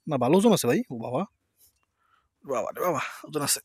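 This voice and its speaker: A man chatting quickly to camera in a village garden, often giving thanks to God as he shows his crops. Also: fairly high pitch, animated, breathy edge, no echo, studio quality. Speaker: village life vlogger. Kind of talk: casual vlog chat to camera.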